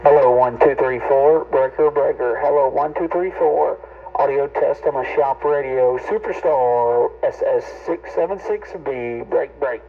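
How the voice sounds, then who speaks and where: A man who runs a radio shop, heard over a CB radio speaker as he counts off a steady audio test. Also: mid-range voice, a little slow, gravelly, a little hiss or hum. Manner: steady, plain counting in short bursts. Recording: dull, lo-fi radio speaker sound.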